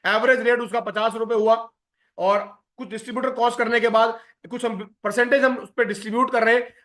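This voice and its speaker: A man presenting a business seminar, explaining terms step by step with frequent filler pauses and English phrases mixed in. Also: extremely high pitch, fairly even intonation, a bit bright.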